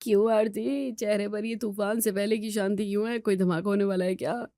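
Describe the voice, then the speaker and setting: A woman voicing a teasing young husband, pushing her voice lower. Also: fairly even intonation, brisk, mellow, dry recording, studio quality, close to an everyday voice. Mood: joking.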